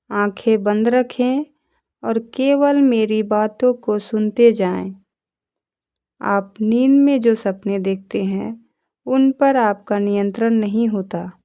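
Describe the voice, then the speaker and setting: Speaking at a medium pitch, a woman instructor leads yoga nidra, her directions brief, deliberate and calm.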